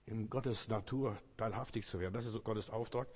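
A man delivers a casual, folksy sermon, speaking straight to his listener and circling back over his own phrases. His voice is a bit husky and breathy. Each line rings out and lingers, as in a large reverberant hall. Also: fairly low pitch, moderate pace, a little mellow. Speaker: preacher. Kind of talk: informal sermon.

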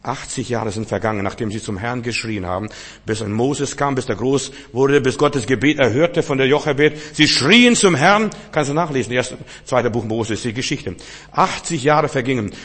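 A man preaching a sermon, emphatic, swinging between loud exclamations and hushed asides. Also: mid-range voice, normal speed, husky. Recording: long reverb of a large hall.

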